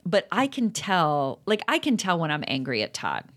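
A woman's voice: on the low side, wildly swooping pitch, normal speed. A woman co-hosting a talk show as a therapist, speaking earnestly and reflectively in a casual, chatty way with many fillers. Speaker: podcast co-host and therapist. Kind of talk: casual conversational advice.

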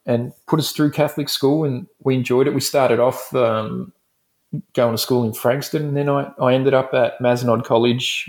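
An Australian man talks as a guest in a relaxed interview. His voice sits at a middle pitch, and he tells his stories frankly, piling up restarts as he goes. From Melbourne, Australia. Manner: frank, rambling storytelling. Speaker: dentist guest. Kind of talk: casual interview chat.

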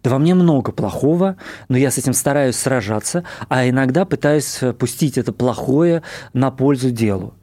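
A film director speaks as a guest in a radio studio, earnest and thoughtful, often pausing to search for words. His voice is mellow and dark. The studio sound is close and dry. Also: mid-range voice, expressive, no room sound. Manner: thoughtful, earnest, with many pauses and fillers. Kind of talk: interview talk.

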